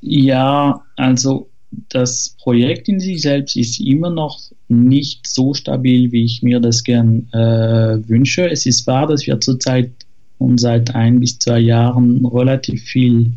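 A man's voice: mid-range voice, steady tone, slow pace, warm tone, lo-fi sound. A man from France with a French accent, speaking German as a guest on a casual podcast, hesitant with many fillers and restarts. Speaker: guest, software developer.

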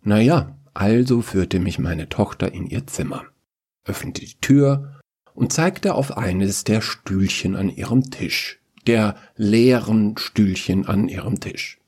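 A man telling a family story with a dry, playful wit, then chatting with quick banter. His voice sits low and comes out husky. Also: a little mellow. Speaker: podcast host and storyteller. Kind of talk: narrating a story, then casual chat.

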